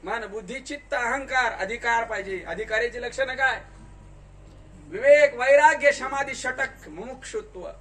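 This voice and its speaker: A man giving a spiritual discourse in a large tent, questioning the listeners and telling them to answer louder. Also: very high-pitched, a little slow. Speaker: kirtankar preacher. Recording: distant mic with faint noise.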